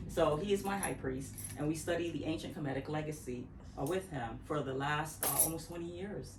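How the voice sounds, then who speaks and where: A woman's voice: deep voice, vocal fry, a little mellow, slight background noise. A woman in her fifties, originally from Barbados, talking in an interview at her home workspace; she speaks reflectively, rambling with restarts and occasional laughs. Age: 50s. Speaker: interview guest, natural hair care practitioner. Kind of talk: casual interview talk. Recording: echoey room, far from the mic.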